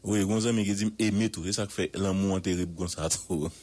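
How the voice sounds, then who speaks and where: A man's voice: sits low, fairly even intonation, a little mellow, husky. A man with a Haitian accent giving emphatic radio news commentary, repeating words for effect and asking rhetorical questions. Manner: emphatic, drawn-out repetitions, proverbs and rhetorical questions.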